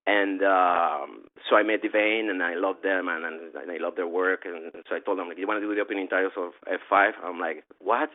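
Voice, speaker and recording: A man from Venezuela with a Venezuelan Spanish accent, talking in a rambling, animated way in a casual interview, often restarting and laughing. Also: low-pitched, a little fast, hardly any pauses. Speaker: event organizer. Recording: tinny phone-like line.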